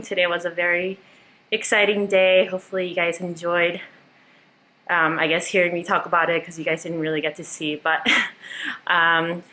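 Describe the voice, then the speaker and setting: A woman's voice: fairly low pitch, pushed and bright, poor audio. A woman in her late twenties, a new doctor, chatting casually to camera at home with lots of "like" fillers. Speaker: new resident doctor vlogging. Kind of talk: casual vlog talk to camera. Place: at home, indoors.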